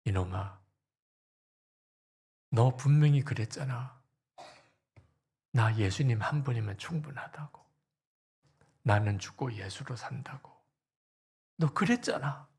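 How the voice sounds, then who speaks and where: A preacher voicing a stern, hushed God scolding. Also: male voice, medium pitch, animated, a little slow, slightly rough. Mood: rebuking. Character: stern fatherly God rebuking a pastor.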